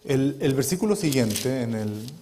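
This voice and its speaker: A man's voice: medium pitch, animated, measured pace, mellow. A man preaching a sermon in a dramatic, emphatic way, often checking in with the congregation.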